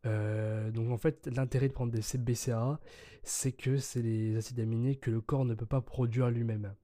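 A young man with a mellow, soft-edged tone talks casually as a podcast co-host. He explains things in an informal way, correcting his words as he goes, in a close, dry recording. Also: medium pitch, flat delivery, normal speed, no echo. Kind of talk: casual chat.

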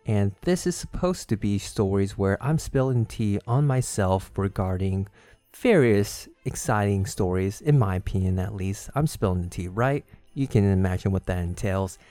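Telling personal stories in a confiding, chatty way, the host of a series's solo podcast starts out calm and unhurried before becoming more animated. He is a man with a lowish voice, recorded with no echo.

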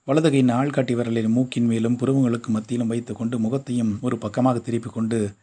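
A man reads a short story aloud, keeping a steady storytelling pace. His voice is dark and mellow with a husky grain. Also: medium pitch, quick pace. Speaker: narrator.

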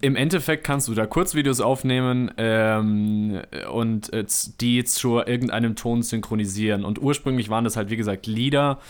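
A man's voice: mid-range voice, fairly even intonation, moderate pace, few pauses, clear, resonant tone. Young guy on a podcast, um-ing and uh-ing a lot, easygoing chat. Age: young adult. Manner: hesitant, full of filler sounds. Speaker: podcast co-host.

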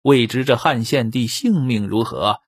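A man telling a traditional historical tale, animated, swinging between loud exclamations and quiet asides. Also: medium pitch, unhurried, breathy edge, no room sound, studio quality. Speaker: storyteller. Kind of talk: traditional Chinese storytelling.

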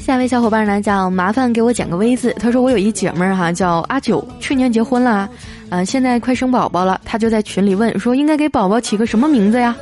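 A woman's voice: a little high, quick pace, darkish tone. A woman hosting a show, reading listener jokes aloud in a playful, chatty way and laughing at the punchlines. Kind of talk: casual joke reading. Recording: music playing faintly under the voice.

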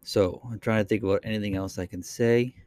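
In a lowish, darkish voice with fairly even intonation, a Boston man with a Boston accent rambles through his unscripted solo podcast, talking fairly quickly into a computer microphone and using plenty of fillers and restarts. There's no echo.

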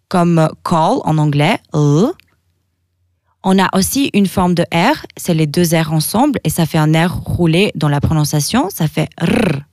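Woman from Albania, language podcast host, lowish voice, dry close sound, careful letter-by-letter delivery. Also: a little mellow, no echo. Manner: slow, careful letter-by-letter pronunciation. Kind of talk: scripted podcast lesson.

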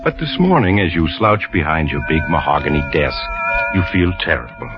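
An actor playing a sinister, knowing mystery host who narrates an old radio thriller in a theatrical, ominous manner. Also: male voice, very deep voice, big pitch swings, brisk. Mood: grim, knowing. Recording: muffled old radio recording with loud music.

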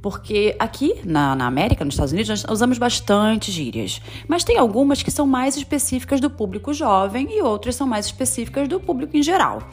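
A woman's voice: fairly high pitch, very animated, a little fast, few pauses. A woman hosting a podcast lesson, explaining slang in a chatty way with lots of tag questions and English examples. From Brazil. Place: lives in the United States.

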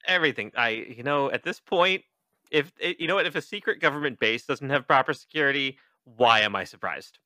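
Man, podcast host, bright forceful tone, dry close sound, animated, swearing, joking. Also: mid-range voice, fairly quick, no echo. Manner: animated, profane, joking, with exaggerated quoted voices. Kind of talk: casual book recap chat.

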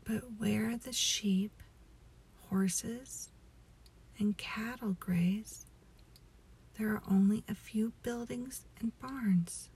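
A woman leading a guided relaxation meditation as a story, in a soothing, hushed, breathy voice that often nears a whisper. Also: mid-range voice, poor audio. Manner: slow, soothing, hushed delivery.

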